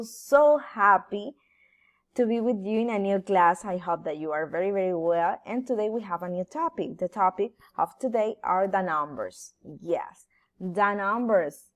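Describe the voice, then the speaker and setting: Slow, patient woman teacher. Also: mid-range voice. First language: Spanish. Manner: slow, drawn-out, exaggerated pronunciation drills. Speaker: English teacher. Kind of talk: bilingual classroom lesson for children.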